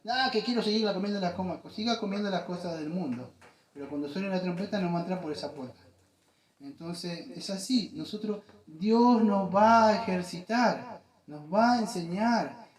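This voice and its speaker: A man's voice: high-pitched, moderate pace, darkish tone. Man, Argentine accent, pastor, sermon, earnest and repetitive, echoey room. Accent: Argentine Spanish. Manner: earnest, repetitive, addresses listeners as "amado". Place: church.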